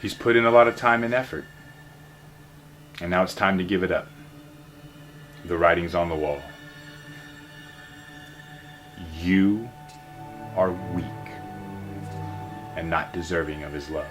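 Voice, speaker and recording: A man's voice: low voice, fairly even intonation, normal speed, pauses often, fairly bright tone. An actor playing the devil as a persuasive, mocking salesman in a short film, with music behind. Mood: contemptuous. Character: smooth-talking male devil posing as a salesman, scornful of humanity.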